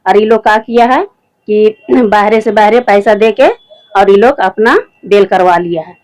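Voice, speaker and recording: A woman's voice: medium pitch, normal speed, darkish tone, rough recording. A middle-aged woman from Jharkhand with a rural Jharkhand accent, a mother and former village head telling a reporter her account in plain speech, often repeating herself and quoting others. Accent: Jharkhand rural Hindi. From Jharkhand, India.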